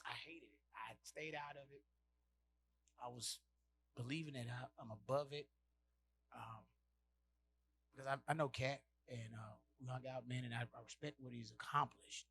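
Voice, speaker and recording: A man from Houston, telling a stand-up story in a profane, animated way. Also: medium pitch, moderate pace, pauses often, slight background noise. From Houston, Texas. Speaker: comedian.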